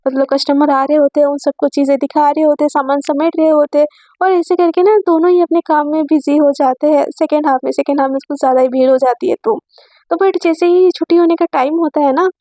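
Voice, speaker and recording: Brief: chatty woman storyteller, high pitch, mellow tone, dry close recording. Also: steady tone, fast talker, dry recording. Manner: chatty, with many fillers and direct asides. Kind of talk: casual spoken storytelling.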